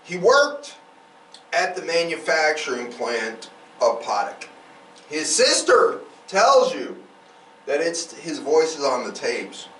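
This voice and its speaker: On his true-crime podcast, a man recounts cases informally and adds emphatic, opinionated commentary. His voice is fairly high and a bit bright, with a sing-song lilt and a slow pace. The recording sounds roomy, as if the mic were distant, with faint noise.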